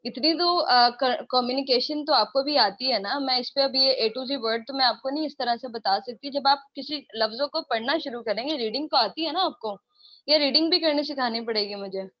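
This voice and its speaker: Brisk, high-voiced woman teacher, mildly scolding. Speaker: English teacher. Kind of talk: live online class. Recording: dull lo-fi audio.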